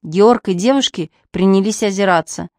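A woman narrating a humorous audiobook with lively, wry storytelling. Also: mid-range voice, moderate pace, no room sound, clean studio sound.

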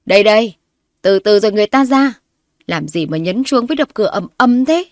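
A woman narrator voicing a spiteful, scheming older mother-in-law who scolds and insults loudly. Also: medium pitch, expressive, normal speed, no room sound, studio quality, lightly acted. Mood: annoyed.

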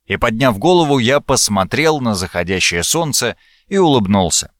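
A man reading a first-person fantasy audiobook as narrator, with expressive, lively intonation. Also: mid-range voice, normal speed, no echo, studio quality.

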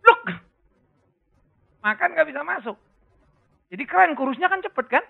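A man preaching a sermon with an Indonesian accent, lively and joking, breaking into sudden loud bursts. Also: very high voice, quick pace, vocal fry. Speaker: pastor. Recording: tinny phone-like sound.

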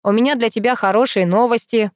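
A woman's voice: a little high, steady tone, quick pace, no echo, clean studio sound, close to an everyday voice. A woman reading the part of a teasing young man, the narrator's best friend, in an audiobook, with a playful, mocking manner. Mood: matter-of-fact.

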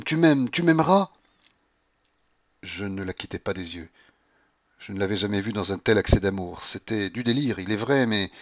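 Low-voiced man reading a novel aloud. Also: no room sound, highs cut off. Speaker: audiobook reader. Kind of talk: literary audiobook narration.

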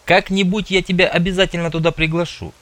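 A man's voice: high voice, little pitch movement, fast talker, a bit bright, pitched above the performer's own voice. A man doing a sardonic joking stalker. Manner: bantering, sardonic. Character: wary joking male stalker, sharpshooter.

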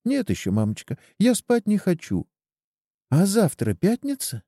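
A man voicing a small sick boy who pleads in a high, childlike way. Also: huge pitch swings, a little slow, warm tone, no room sound, clean studio sound, exaggerated voice. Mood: feverish, weak. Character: small sick boy longing for his father.

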